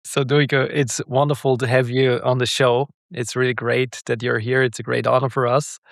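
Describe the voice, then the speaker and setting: A man's voice: mid-range voice, level tone, normal speed, creaky, no room sound, clean studio sound. A man co-hosting a podcast, asking the guest questions in an effusively welcoming, friendly way. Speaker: podcast co-host.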